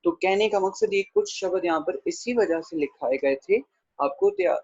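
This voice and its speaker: A man's voice: high-pitched, darkish tone, slightly rough, no room sound. Fields: Sex: man. Role: grammar teacher. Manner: patient, repeats words. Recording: dull, dry, lo-fi. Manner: patient, repeats words slowly to model pronunciation, says 'theek hai' often; addresses students by name, answering their questions. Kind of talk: online pronunciation lesson.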